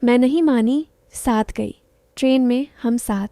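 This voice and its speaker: A woman narrates a first-person story in short, clipped phrases, soft and intimate in manner. Her voice is mellow and fairly high, and she reads unhurriedly. The recording is close and dry. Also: measured pace, no room sound.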